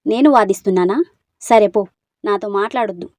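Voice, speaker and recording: A woman's voice: mid-range voice, a little fast, no room sound, natural voice. A woman doing a sulky, spirited young woman. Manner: sharp retorts.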